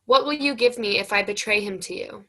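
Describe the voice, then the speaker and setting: Woman reading as bright, sharp-voiced scheming disciple. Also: mid-range voice, fairly quick. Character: scheming male disciple who betrays his teacher. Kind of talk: readers theater scripture reading.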